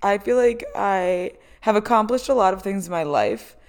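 A woman's voice: medium pitch, expressive, normal speed. A woman, hosting a casual solo chat and talking with many "um"s and "like"s. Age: 20s. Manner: chatty, lots of "um" and "like", laughs often. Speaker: podcast host.

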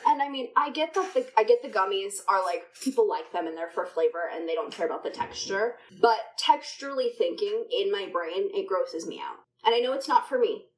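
Woman, podcast co-host, sarcastic, blunt, middle-pitched voice. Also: lively intonation, a little fast, hardly any pauses, rough recording. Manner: sarcastic, blunt, laughs a lot. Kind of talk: casual chat.

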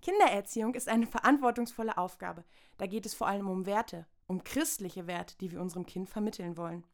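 A woman's voice: mid-range voice, a little fast. A woman from Saxony-Anhalt in a satirical stage monologue, prim and self-important, lecturing. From Saxony-Anhalt, Germany.

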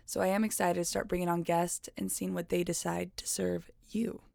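A woman with a creaky, fry-laden voice talks as a podcast co-host. Her chat is casual, wry and self-deprecating. The recording is close and dry, made inside a walk-in closet. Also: on the low side, flat delivery, normal speed, darkish tone, no echo. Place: walk-in closet in a small apartment.

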